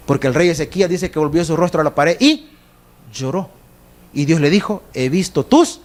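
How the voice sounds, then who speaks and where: A man's voice: fairly high pitch, darkish tone. A middle-aged man, preaching a sermon as pastor, acting out little scenes in other voices. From El Salvador.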